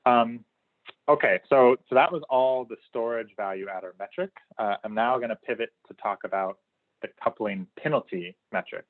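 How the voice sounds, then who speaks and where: A man's voice: medium pitch, moderate pace. A male researcher giving a webinar presentation, explaining results with many fillers and restarts, his voice slightly worn. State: losing his voice a little. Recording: tinny phone-like audio.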